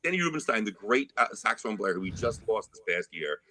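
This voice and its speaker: A male guest musician spinning quick, lively anecdotes in a casual interview. His pitch swings widely as he acts out other people, and his tone is bright and forceful. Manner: animated storyteller acting out quoted voices.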